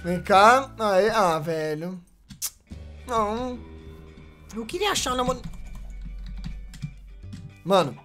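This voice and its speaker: A young man with a Brazilian Portuguese accent giving excitable, casual gameplay commentary, yelping and joking as he talks to the characters on screen. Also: sits high, takes it slowly, long pauses, faint music behind. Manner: excitable, yelps and laughs, talks to game characters. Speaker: gaming YouTuber.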